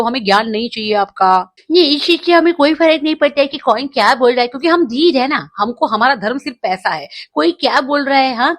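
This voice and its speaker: Woman, commentary host, sarcastic rant, mocking tone, somewhat high pitch. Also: a bit bright. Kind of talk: casual roast commentary.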